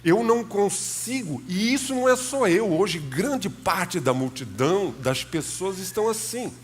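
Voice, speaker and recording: A man's voice: high-pitched, animated, unhurried, slight background noise. A man with a Brazilian Portuguese accent, a pastor giving a sermon in a church, talking conversationally and addressing the congregation directly. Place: church sanctuary.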